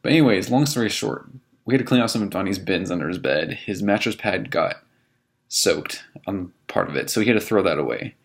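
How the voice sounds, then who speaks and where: A college-age man in his twenties casually telling a story to camera from his dorm room, animated and amused as he quotes the people in it. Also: low voice, fairly quick. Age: 20s. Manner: animated, laughing retelling with quoted voices. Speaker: vlogger.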